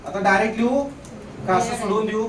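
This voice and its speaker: High-voiced man teaching grammar in class. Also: steady tone, fairly quick, reverberant, distant mic, noisy background. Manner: repeats questions to the class, coaxing and explaining. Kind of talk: classroom lecture.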